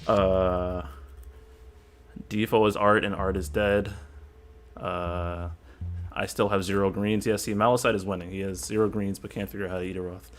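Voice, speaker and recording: A man's voice: deep voice, level tone, moderate pace, pauses often, faint music behind. A man hosting a casual livestream chat, rambling and reading out viewer messages. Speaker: stream host.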